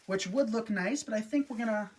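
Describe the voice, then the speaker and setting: A man hosts a live stream where he designs and makes wreaths, chatting upbeat with his viewers as he works. His voice sits high with a darkish tone, and he talks a little fast.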